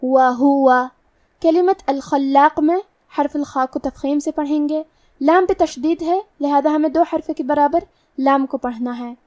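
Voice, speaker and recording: High-voiced woman teaching Quran recitation. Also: fairly even intonation, warm tone, no echo, studio quality, recorded from a distance. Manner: slow, careful, methodical explanation. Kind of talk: tajweed lesson, explaining letter rules.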